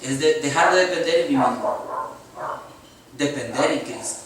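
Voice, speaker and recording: His voice sits at medium pitch and moderate pace, a bit bright, with a faint hiss or hum. This Costa Rican pastor, speaking with a Costa Rican Spanish accent, preaches earnestly and poses rhetorical questions to the congregation, captured from far away in an echoey church sanctuary.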